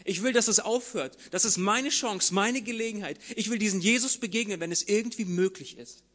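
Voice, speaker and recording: Preacher doing a blind beggar guy, desperate and pleading, fairly high voice. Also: a little fast, fairly bright tone. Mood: longing. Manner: pleading, urgent.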